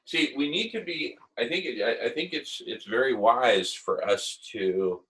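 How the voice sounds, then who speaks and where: His voice sits in the mid range, husky and fairly bright, with a sing-song lilt and a slightly slow delivery. Hosting an online group discussion over earbuds on a video call, he rambles casually and at length about his idealistic vision, repeating himself for emphasis with real enthusiasm.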